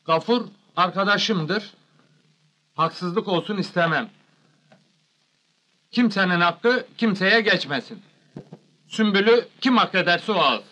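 A man's voice: high voice, lively intonation, takes it slowly, long pauses, pushed and bright, full character voice, poor audio. An actor playing a cheeky young village man in a film comedy, emphatic and teasing. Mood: cool, teasing. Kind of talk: Turkish film comedy acting.

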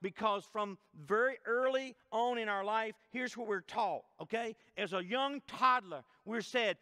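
A man's voice: sits high, a little slow, pushed and bright, clean tone. Middle-aged pastor guy preaching hard, repeats himself a lot, big churchy reverb. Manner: emphatic preaching, repeating phrases, asking the congregation questions. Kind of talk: sermon. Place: church sanctuary. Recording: long church hall reverb.

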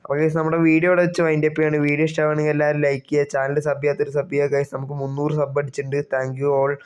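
A young man talking through a game for his channel, animated and comic, breaking into yelps and exclamations. His voice sits on the higher side and is very smooth and clear. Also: very fast. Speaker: gaming YouTuber. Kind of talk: gameplay commentary with role-play.

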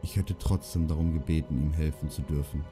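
An earnest young king weighed down by grief, as a male narrator puts him on. He speaks in a subdued, low, warm voice. Faint music plays under the audiobook reading. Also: level tone, a little fast.

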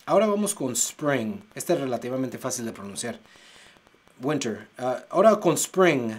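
A man's voice: medium pitch, very animated. Man teaching pronunciation. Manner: exaggerated slow demonstrations of sounds. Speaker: English teacher. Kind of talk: pronunciation lesson. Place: United States.

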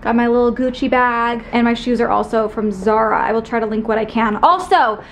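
Młoda kobieta z Kanady nagrywa swobodny vlog w domu i mówi do kamery pogodnie i z wieloma wtrąceniami. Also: female voice, on the high side, brisk, roomy sound, a little hiss or hum. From Canada. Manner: chatty, upbeat, many "like" fillers. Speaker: vlogger. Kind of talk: casual vlog chat to camera. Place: apartment at home.

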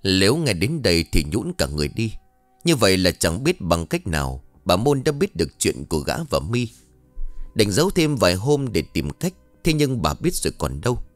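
A man narrating a ghost story in an animated storytelling manner. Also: low voice, normal speed, no room sound. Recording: dry studio voice with faint music.

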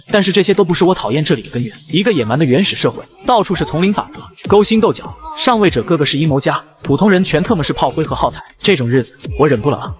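A man narrating a comic story in the first person at speed, voicing every character with little change. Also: on the high side. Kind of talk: manhua recap narration.

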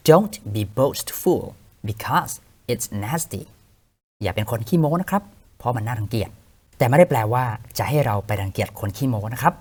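A young man hosting a vocabulary lesson podcast, a clear, patient teacher who spells words out letter by letter. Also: mid-range voice, a little mellow.

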